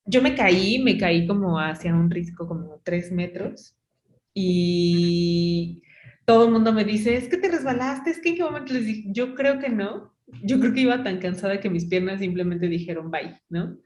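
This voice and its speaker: A woman's voice: on the low side, animated, normal speed, a little mellow, echoey room. Chatty Mexican woman telling a story. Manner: chatty storytelling, many fillers like "o sea" and "¿no?". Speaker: podcast host. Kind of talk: casual chat.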